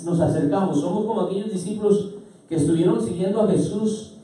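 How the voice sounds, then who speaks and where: A male pastor giving a sermon, asking the congregation questions and rising to loud, emphatic declarations. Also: high voice, a little fast, faint music behind. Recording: echoey hall, voice from far off.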